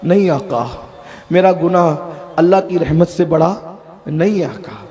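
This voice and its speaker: A man's voice: on the high side, a crowd in the background, lightly acted. A man voicing a weeping young sinner confessing. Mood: pleading remorse. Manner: pleading, repetitive confessions.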